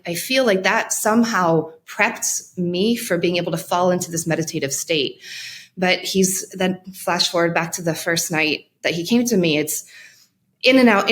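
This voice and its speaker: Her pitch fairly low, a mental health practitioner being interviewed reflects on a personal story, her speech broken up by frequent pauses and restarts.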